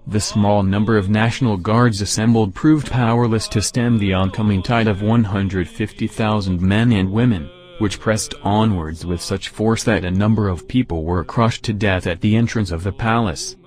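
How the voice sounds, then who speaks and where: A man reading a history text aloud as a narrator, measured and dramatic. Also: on the low side, steady tone, a little mellow.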